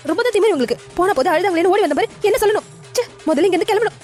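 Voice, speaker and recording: A woman's voice: very high voice, expressive, very fast, a little mellow, faint music behind. A woman voicing a fed-up, complaining young adult daughter in a cartoon family drama. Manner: complaining, exasperated.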